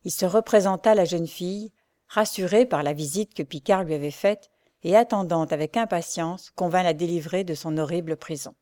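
Woman reading a story, low voice. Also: moderate pace, dark tone, no room sound, studio quality. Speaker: narrator.

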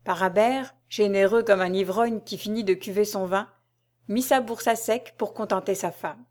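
Woman, audiobook reader, historical tale, measured, even delivery, mid pitch.

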